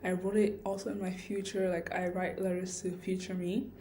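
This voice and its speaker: A woman's voice: on the low side, flat delivery, moderate pace, dark tone, slight background noise. A woman vlogging a personal story in a casual, rambling, reflective way, with a lisp from wearing retainer-like aligners. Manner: rambling, reflective, self-questioning.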